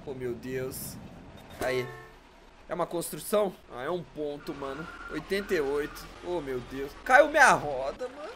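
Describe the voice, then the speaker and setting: A young man with a Brazilian accent giving casual gameplay commentary, exasperated and loud, full of slangy filler words. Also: high-pitched, noisy background. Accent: Brazilian Portuguese. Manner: exasperated, complaining about bugs. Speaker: gamer.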